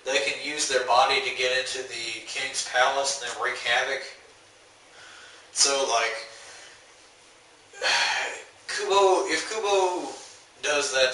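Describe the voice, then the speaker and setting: A man's voice: medium pitch, flat delivery, normal speed, pushed and bright. Rambling young man in an echoey room. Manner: rambling, filler-heavy, laid-back. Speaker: manga reviewer. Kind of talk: casual chapter recap. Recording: roomy echo, mic far off, faint hiss.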